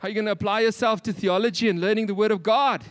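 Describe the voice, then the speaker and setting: A man's voice: high-pitched, fairly even intonation, fast, no room sound, studio quality. A man with a South African Afrikaans accent preaching a sermon, emphatic, with repeated phrases and rhetorical questions.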